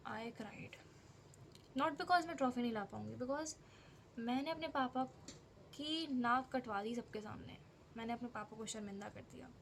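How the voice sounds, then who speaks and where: A woman's voice: a little high, measured pace, pauses often, slight background noise. A young woman vlogger telling a personal story in a candid, confessional and emotional way. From India. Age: young adult.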